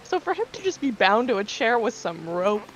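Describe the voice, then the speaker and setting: A woman's voice: on the high side, very animated, brisk, highs cut off, slight background noise. A woman player in a casual tabletop game, talking bluntly and swearing freely.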